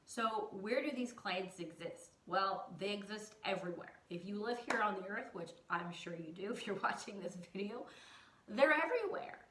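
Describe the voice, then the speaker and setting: A woman's voice: medium pitch, animated, normal speed, fairly bright tone, far from the mic, a little hiss or hum. A woman who teaches design, talking to viewers in a chatty, emphatic way with self-mocking humor. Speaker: design educator. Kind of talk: casual teaching monologue. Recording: roomy echo, voice off-mic.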